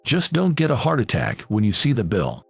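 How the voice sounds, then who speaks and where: A man's voice: mid-range voice, huge pitch swings, normal speed, gravelly, slightly rough, no room sound, heavily acted. A man voicing a kind, fatherly middle-aged restaurant chef. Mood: fond. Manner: warm, fatherly.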